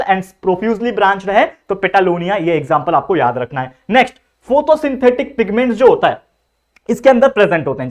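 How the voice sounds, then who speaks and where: A young man teaching a biology lecture. He mixes English terms into his Hindi and asks questions that he answers himself. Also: high-pitched. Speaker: biology tutor. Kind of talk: classroom lecture.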